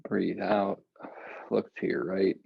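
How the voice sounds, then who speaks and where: A man calmly guiding breathing and stretching exercises from a meditation cushion at home, with casual asides. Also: low-pitched, vocal fry, husky, dry recording, highs cut off. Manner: slow, calm, relaxed with casual asides. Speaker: meditation and yoga guide. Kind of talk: guided breathing and stretching instruction.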